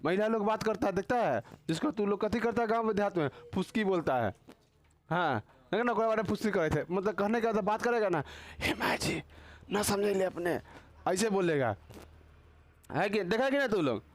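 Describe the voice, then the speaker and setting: A man's voice: high-pitched, lively intonation, fairly quick. A man teaching a casual grammar class, teasing and quizzing his students with constant tag questions.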